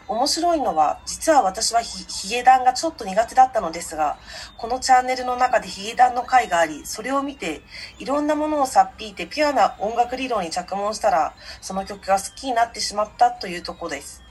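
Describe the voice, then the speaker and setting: A woman's voice: mid-range voice, husky. A woman assisting on a radio show, reading listener mail politely and chatting with the host.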